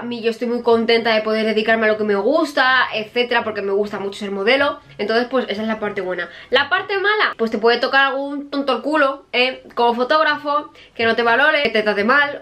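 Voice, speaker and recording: High-voiced, chatty young Spanish woman. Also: fairly bright tone. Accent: Spain Spanish. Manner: chatty, blunt, swears freely. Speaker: YouTuber and model answering viewer questions. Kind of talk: casual Q&A vlog.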